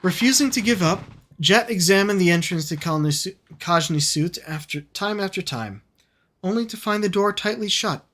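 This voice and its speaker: A woman streamer narrating a story game aloud, with expressive reading and self-aware asides. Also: mid-range voice, normal speed.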